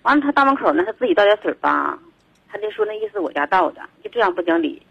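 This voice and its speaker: A man's voice: high-pitched, huge pitch swings, quick pace, vocal fry, bright, forceful tone, slightly rough, dry recording. A man calling in to a radio show, talking in a rambling, agitated way and repeating himself over a muffled phone line. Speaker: caller.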